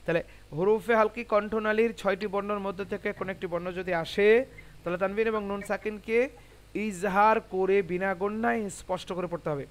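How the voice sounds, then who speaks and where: A man teaching Quran recitation in an online class, spelling out syllables slowly and asking students questions. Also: sits high. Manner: patient, asks students questions.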